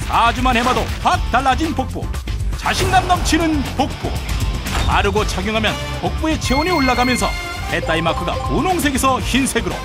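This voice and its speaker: A woman's voice: fairly high pitch, sing-song, a little fast. A woman narrating a scripted hard-sell advertisement with punchy, emphatic slogans. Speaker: advertisement announcer. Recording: voice-over with loud music behind.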